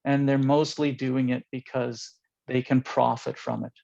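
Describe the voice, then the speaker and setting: Gravelly man on a lo-fi call. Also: medium pitch, little pitch movement, measured pace, warm tone. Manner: earnest, critical. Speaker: panelist. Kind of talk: online panel discussion. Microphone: video call.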